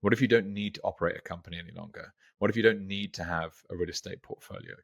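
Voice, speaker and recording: A man's voice: sits low, fairly bright tone, dry recording, studio quality. A man with a British accent, hosting an interview and speaking enthusiastically. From United Kingdom. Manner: enthusiastic, emphatic. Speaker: host. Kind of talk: interview conversation.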